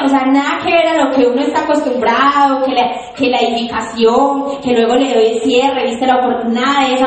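A young woman giving an animated, emphatic motivational testimony to an audience, telling her story. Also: high voice. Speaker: network marketing speaker. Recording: echoey hall.

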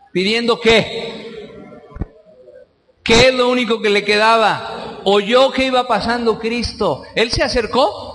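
High-voiced Mexican pastor preaching. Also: male voice. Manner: animated, questions the congregation. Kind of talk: sermon. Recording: echoey church hall.

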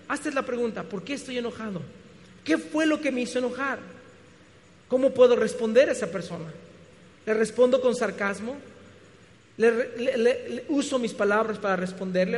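A man preaching a sermon, animated and full of rhetorical questions, often restarting his words. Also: very high voice. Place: church hall. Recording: reverberant hall.

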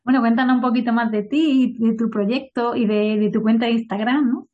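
A woman's voice: fairly high pitch, fairly even intonation, brisk, phone-quality sound. A woman hosting a family podcast, opening with a read introduction and then chatting with her guest as a welcoming interviewer. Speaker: podcast host.

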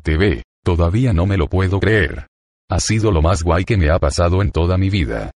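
A man's voice: low-pitched, moderate pace, darkish tone, slightly rough. A man reading as a bored young cashier. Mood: bored, giddy. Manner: plain reading of her lines. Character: young woman, bored juice bar cashier.

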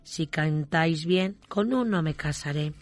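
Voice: mid-range voice, a little slow, no room sound, lightly acted. A storyteller voicing a tidy little mouse. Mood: sing-song. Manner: sing-song storybook reading. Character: tidy young female mouse, house-proud.

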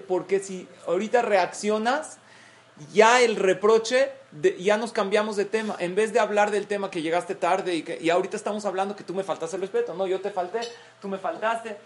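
A woman's voice: medium pitch, fairly even intonation, fairly quick, darkish tone. A middle-aged woman giving a parenting talk to a group of mothers, explaining points and acting out example quotes. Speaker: parenting class speaker.

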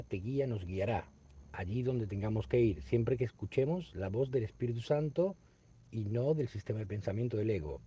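Spanish guy from explaining a spiritual book, husky low-key voice, keeps repeating lines, muffled lo-fi audio. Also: warm tone. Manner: unhurried, reflective, repeats phrases over and over. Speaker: spiritual study teacher. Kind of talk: reading aloud and explaining a spiritual text. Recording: dull lo-fi recording.

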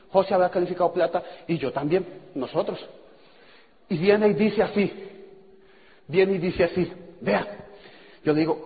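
A man telling a story to a seminar audience in an auditorium, acting out dialogue and laughing often. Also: high voice. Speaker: speaker at a business seminar. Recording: echoey hall over a tinny, noisy line.

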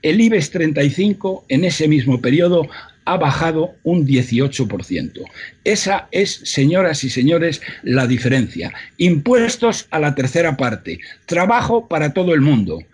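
Husky man, emphatic guest. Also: on the high side, big pitch swings. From Spain. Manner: emphatic, many filler "eh"s, slows down for figures. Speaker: interview guest. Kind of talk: remote interview commentary. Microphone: computer mic on a video call. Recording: hum leaking into computer mic.

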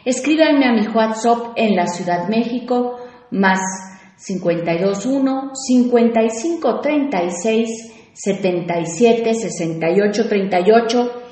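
A woman's voice: fairly high pitch, expressive, unhurried, dark tone, heavy reverb. A woman hosting a radio talk show on personal growth, speaking reflectively and asking her listeners questions.

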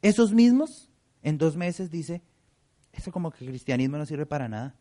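A man preaching a sermon, animated and acting out the voices of the people he quotes. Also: a little high, moderate pace. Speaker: pastor.

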